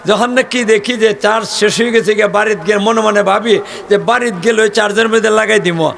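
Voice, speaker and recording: An older man preaching a folksy, joking sermon, rising at times to shouts. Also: high-pitched, fairly quick, vocal fry.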